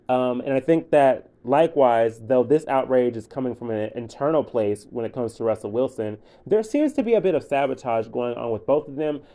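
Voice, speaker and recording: A man's voice: a little high, a little mellow. A man hosting his own podcast, giving blunt, profane solo commentary in a casual, ranting way. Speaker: podcast host.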